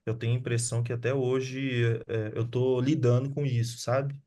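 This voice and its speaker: A man's voice: mid-range voice, normal speed. A man, a guest filmmaker talking casually over a video call, loose and slangy, often restarting his sentences. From Sabará, Brazil. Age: 30s. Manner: relaxed, slangy, with frequent restarts. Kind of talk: casual online conversation.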